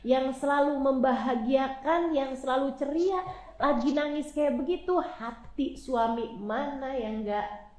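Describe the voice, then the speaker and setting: A woman's voice: sits high, darkish tone. A woman preacher giving a casual, emotional sermon and often speaking straight to her listeners. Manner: casual and emotional, often addressing the audience as friends. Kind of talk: conversational sermon. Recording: roomy echo.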